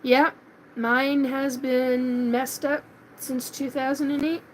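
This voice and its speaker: A middle-aged Washington State woman hosting a live paranormal chat speaks in a high-pitched, flat, slow voice. She rambles casually with many fillers and restarts in a monologue. The audio is poor, with a little hiss or hum.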